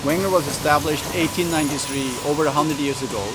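A man in his forties with a Swiss accent, a company executive answering interview questions in a measured way with frequent fillers. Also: on the high side, fairly even intonation, loud music behind the voice, low-quality recording. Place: large factory hall indoors. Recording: loud factory noise behind.

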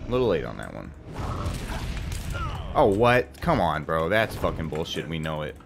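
A man's voice: very deep voice, big pitch swings, normal speed, creaky, very noisy. A man commentating his game playthrough, swearing freely and ranting in exasperation. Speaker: let's play host. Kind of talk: gaming commentary. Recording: game music behind voice.

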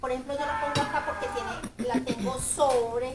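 This home cook and video host, a chatty woman with a Paisa Colombian accent, has a high-pitched voice with fairly even intonation and a normal speed. In her home kitchen she gives a casual cooking demonstration, repeating words to emphasize them. Kitchen clatter and a distant mic shape the sound.

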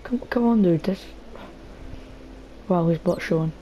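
A woman's voice: on the low side, a little slow, warm tone, a little hiss or hum. A young woman giving casual, chatty gameplay commentary, talking nervously to her viewers and to a character in the game. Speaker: gaming video host. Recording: dull lo-fi mic with faint game music.

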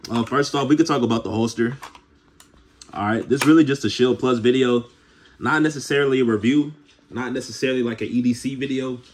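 Man, husky slightly rough voice, mid pitch, laid-back slangy talk, casual gear showcase vlog. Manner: slangy, laid-back, peppered with "bro" and "y'all". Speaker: gun channel vlogger.

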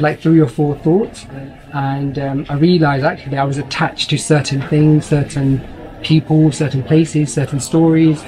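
A man's voice: fairly high pitch, darkish tone, poor audio. A man, hosting a vlog and talking eagerly with fillers. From London. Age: 30s. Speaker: vlog host. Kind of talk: casual vlog talk.

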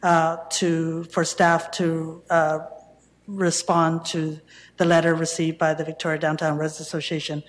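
A woman's voice: deep voice, level tone, normal speed. A woman city councillor asking a question in a meeting, hesitant with many fillers and restarts. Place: council chamber. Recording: long reverb, faint room noise, council chamber.

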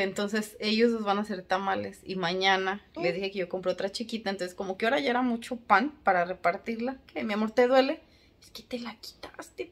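A woman vlogger, chatting at home late at night, a little hoarse, self-mocking and full of fillers. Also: medium pitch. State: slightly hoarse. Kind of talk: casual chat to camera.

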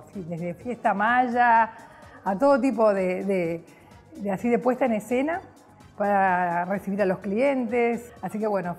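A middle-aged Argentine public relations professional, appearing as a guest, tells her career story to camera from a hotel lobby. She speaks Argentine Spanish in a cheerful, chatty way full of fillers, with a mid-range, darkish voice.

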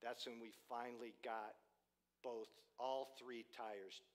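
A man's voice: medium pitch, flat delivery, slow. A male traveling preacher telling a story in a sermon, conversational, with frequent asides to the congregation. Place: church.

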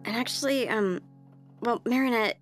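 A woman voicing a shy, gloomy teenage goth girl in a cartoon, hesitant, mumbling and deadpan. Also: a little high, normal speed, lightly acted. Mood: shy, reluctant. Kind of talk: animated cartoon dub acting. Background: background music.

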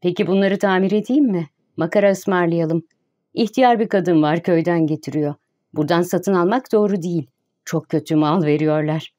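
A modest, caring landlady chats in a plain, homely way, as a woman narrator puts her on. Her voice is low and warm. It is an audiobook figure read close to the reader's own voice. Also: moderate pace, natural voice.

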